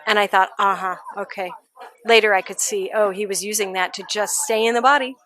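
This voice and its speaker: A woman telling lively, laughing stories about her cat in a casual interview. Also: mid-range voice, fairly quick, a little hiss or hum. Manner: animated, laughing storyteller. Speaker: interviewee, pet owner. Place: outdoor adoption event.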